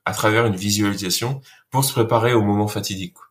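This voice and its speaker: A lower-pitched man speaks earnestly, pausing often and restarting his sentences as he recounts harsh military training. His delivery is casual and conversational, the way a guest talks in an interview. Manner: earnest, many fillers and restarts. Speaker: guest, former soldier.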